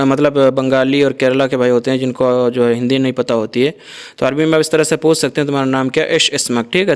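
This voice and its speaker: A man teaching everyday phrases in a casual spoken lesson, saying each one slowly and repeating it before explaining. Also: mid-range voice, clean tone. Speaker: Arabic teacher.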